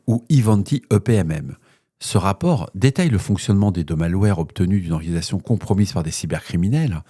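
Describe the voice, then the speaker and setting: A man's voice: low-pitched, warm tone, no echo, studio quality. A man hosting a cybersecurity news podcast, reading bulletins and then slipping into casual off-script asides with fillers.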